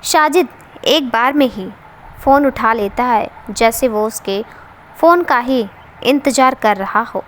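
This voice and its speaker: Steady woman storyteller, rather high voice. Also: slow, a little hiss or hum. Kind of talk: reading a family story aloud.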